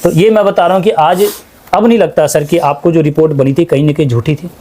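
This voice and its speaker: In a small clinic, an ayurvedic practitioner delivers a sincere testimonial, hammering his points home through insistent repetition. He speaks briskly, his slightly high voice carrying a dark tone.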